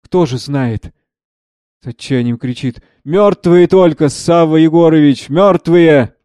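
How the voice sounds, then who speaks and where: Hesitant scared philosopher, read by a man, hurried stammer, mellow voice. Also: mid-range voice, fairly even intonation, dry recording, studio quality, natural voice. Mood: desperate. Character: flustered hesitant philosopher, fearful.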